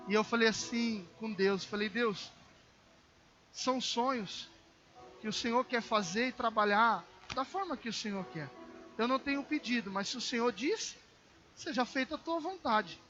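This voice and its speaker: A male pastor with a Brazilian Portuguese accent preaching a sermon, telling a personal story with acted dialogue and addressing the congregation warmly as dear ones. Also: very high-pitched, normal speed, lo-fi sound, faint music behind. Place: church service.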